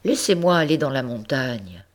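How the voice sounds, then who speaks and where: A woman reading aloud, voicing a young female goat who pleads in a high, bright voice to be set free. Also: sing-song, moderate pace. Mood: pleading. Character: young female goat, restless, longing for freedom.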